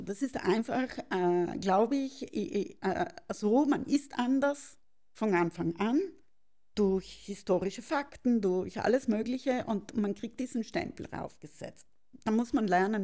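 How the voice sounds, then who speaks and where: Gravelly-voiced woman. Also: mid-range voice, mellow. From South Tyrol, Italy. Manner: thoughtful, searching for words with many pauses and restarts. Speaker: interview guest. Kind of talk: reflective personal storytelling.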